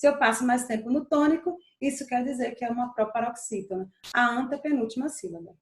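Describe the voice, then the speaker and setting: A woman with a high voice teaches a grammar lesson, slowly stretching out the stressed syllables and repeating them so they stick. The sound is roomy, with a clear echo around her. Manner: stretches stressed syllables, slow emphatic repetition.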